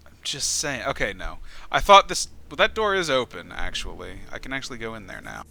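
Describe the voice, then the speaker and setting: A man's voice: mid-range voice, big pitch swings, brisk, creaky, sharp tone, faint music behind. A man giving casual, wry commentary while he plays a video game. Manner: wry, joking. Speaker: game streamer.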